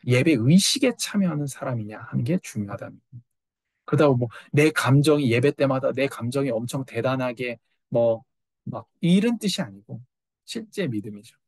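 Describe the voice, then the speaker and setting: A middle-aged male pastor preaching a sermon, animated and full of rhetorical questions. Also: mid-range voice, moderate pace, slightly rough, no echo.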